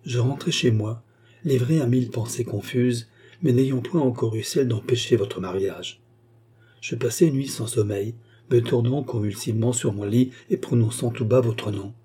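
A remorseful courtesan pours out her confession in an impassioned, pleading voice, read by a man. The tone is very dark and mellow, with a husky grain. It comes across as a figure in an audiobook. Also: medium pitch, moderate pace, close to an everyday voice. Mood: confessing. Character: passionate remorseful woman courtesan.

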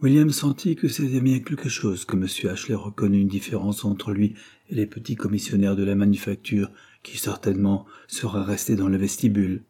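A man's voice: on the low side, a little fast, breathy edge. A man narrating a classic novel as an audiobook, reading steadily and voicing each character's lines. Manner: steady, even-toned reading that voices each character's dialogue. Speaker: audiobook reader.

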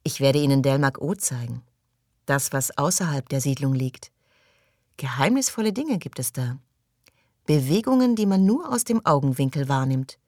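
A bold, playful young woman who says exactly what she wants, as a woman reading an audiobook puts her on. She teases and presses in a dry, close-miked voice, pitched higher than the reader's own low tone. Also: expressive, normal speed, a little mellow, no echo. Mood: inviting. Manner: teasing, direct, playful.

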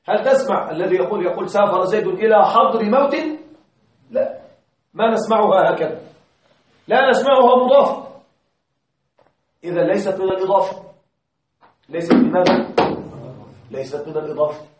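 Teaching grammar in a classroom lecture, this man explains with worked examples and tests the class using rhetorical questions. His high, expressive voice moves fairly quickly, broken by long pauses. The room is very echoey, and he stands far from the mic.

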